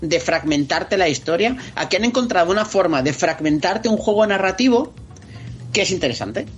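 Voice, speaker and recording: A man's voice: sits high, moderate pace, a little hiss or hum. A man with a Spain Spanish accent, chatting on a podcast as a guest and acting out scenes with vivid interjections. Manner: expressive storyteller, acts out scenes with interjections. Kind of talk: casual podcast chat. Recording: slightly dull lo-fi audio, faint music behind.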